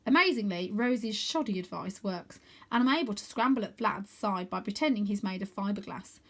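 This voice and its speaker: With a medium-pitched voice at normal speed, this storybook reader narrates a children's tale with plenty of expression.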